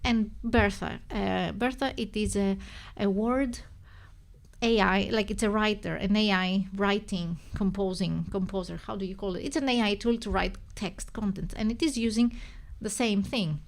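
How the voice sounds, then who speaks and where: A Greek-accented woman from Greece, a native Greek speaker, hosts a loose live-stream chat that rambles, wanders, and self-corrects as she thinks aloud. Her voice is mid-range and creaky, at a moderate pace.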